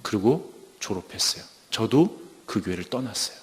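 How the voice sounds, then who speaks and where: A man giving a testimony sermon at a church service, telling his story in a lively way and acting out the lines he quotes. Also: lowish voice, moderate pace, big-room sound.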